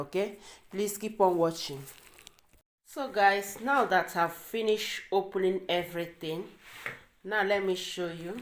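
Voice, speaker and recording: A young woman with a Nigerian accent in a casual unboxing vlog, excitable and repeating herself as she shows off food items. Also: lowish voice, a little hiss or hum. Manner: excitable, repeats words, bursts of laughter. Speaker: vlogger. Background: faint crinkling of wrappers.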